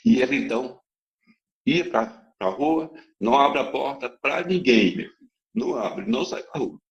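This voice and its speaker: Man, church testimony, dramatic emphatic storytelling, gravelly voice, dull lo-fi recording. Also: mid-range voice, expressive, normal speed. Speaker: church member giving testimony.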